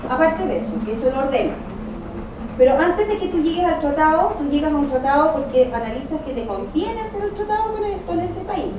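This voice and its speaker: A woman's voice: high-pitched, animated, a little fast, muffled recording. A woman lecturer teaching a class in a didactic way, often checking that students follow with short tag questions. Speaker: economics lecturer. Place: classroom, recorded from a distance. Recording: echoey room, distant mic, noisy background.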